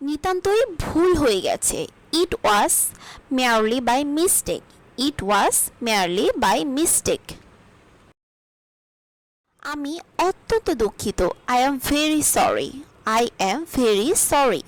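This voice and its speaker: A woman teaching spoken English, reading each sentence aloud slowly and carefully, twice over. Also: high voice, very animated, low-quality recording.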